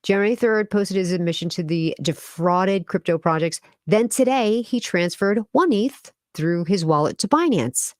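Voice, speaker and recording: A woman's voice: medium pitch, animated, normal speed, few pauses, dry recording, studio quality. A woman hosting a crypto live stream, talking casually and with indignant sarcasm, full of fillers like "like" and "you know". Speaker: crypto channel host.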